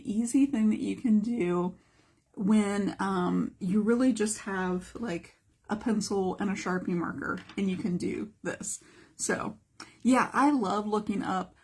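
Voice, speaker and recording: A woman's voice: medium pitch, darkish tone, breathy edge. A middle-aged woman art teacher giving a chatty live-streamed lesson and greeting viewers as she goes.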